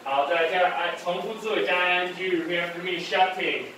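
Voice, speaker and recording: This man's voice is high, steady, brisk, and sharp as he drills a single student in English phonics, doubling every sound and scolding inattention. He sits far from the mic in a very echoey room, with faint background noise.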